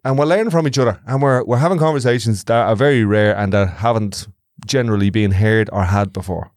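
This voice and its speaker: A man's voice: fairly low pitch, fast talker, a little mellow, no room sound, studio quality. An Irish-accented man talking casually and reflectively as co-host of a podcast.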